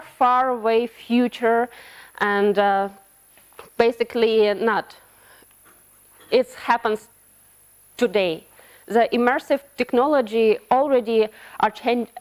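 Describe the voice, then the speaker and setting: A woman from Ukraine speaks at a developer conference, with a somewhat high voice. She explains her topic in a hesitant way, breaking off and repeating words. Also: darkish tone. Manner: hesitant, frequent restarts and broken-off words. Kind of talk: conference talk with slides. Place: conference hall.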